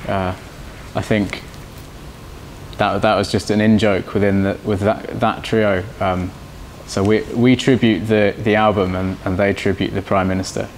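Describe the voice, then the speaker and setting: A young man who plays guitar in a band answers slowly and haltingly, restarting his sentences often. His voice sits fairly low, and a faint background hiss runs under it. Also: level tone. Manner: halting, many restarts and fillers. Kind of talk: casual interview answers.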